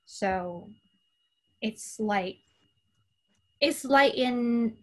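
A Chinese woman whose first language is Cantonese, speaking with a Chinese accent, appears as a podcast guest. Her voice is fairly high, and her answers come out halting, explanatory and conversational.

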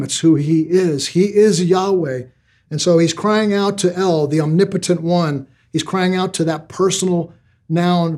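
A man's voice: on the high side, a little mellow. An older man preaching a sermon, earnest, often repeating words as he builds each point. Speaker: pastor.

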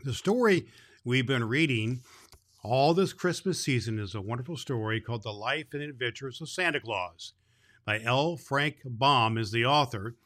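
Man acting as jolly old Santa, bright forceful voice, kindly, grandfatherly, folksy children's holiday show host. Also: mid-range voice, normal speed, close to an everyday voice. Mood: gentle, explaining. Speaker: host of a daily children's Christmas story show. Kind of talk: unscripted, folksy address to child listeners.

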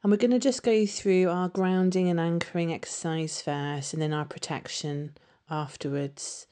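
A woman leading a guided meditation with soothing, unhurried instruction. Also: on the low side, fairly even intonation, mellow, smooth.

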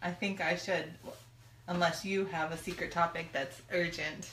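Woman in her thirties, live-stream co-host, chatty and quick to laugh, low-pitched for a woman, bright tone, echoey room. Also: steady tone, slight background noise. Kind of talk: casual chat.

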